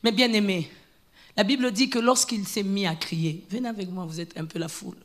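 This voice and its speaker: A woman preacher giving a fervent sermon in church, moving between low, hushed stretches and loud, repeated calls to her congregation. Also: fairly quick. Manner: fervent, repetitive, shouting exhortations.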